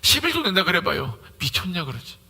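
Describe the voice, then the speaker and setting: A male pastor preaches with a high, very bright voice that swings widely in pitch. A gravelly edge creeps into his lower notes. He acts out little everyday conversations as he preaches. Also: fairly quick. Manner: lively preaching, acting out conversations. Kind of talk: sermon.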